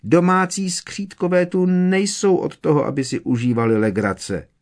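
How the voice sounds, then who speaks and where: A man voicing a tiny, servile female house-elf with a squeaky, trembling voice, reading a storybook. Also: steady tone, a little mellow. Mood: anxious. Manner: fearful, deferential, keeps saying sir.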